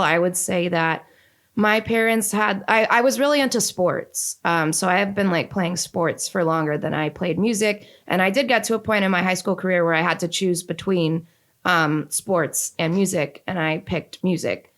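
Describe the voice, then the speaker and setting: A young woman from the Northeastern United States talks casually as a podcast guest. Her voice sits a touch low, and she rambles in a lively, candid way, full of fillers and restarts. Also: normal speed. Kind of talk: casual conversation.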